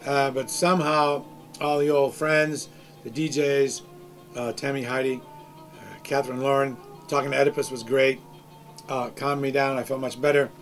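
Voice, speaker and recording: A man's voice: mid-range voice, little pitch movement, normal speed, soft background music. A man hosting a live radio show, chatty and reflective, speaking into a studio microphone. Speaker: radio DJ host.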